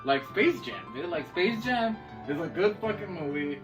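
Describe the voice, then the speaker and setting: Swearing and saying "dude" often, a podcast co-host chats casually and slangily about movies and games. His voice sits high and is expressive, at normal speed. A distant mic captures him with music playing behind.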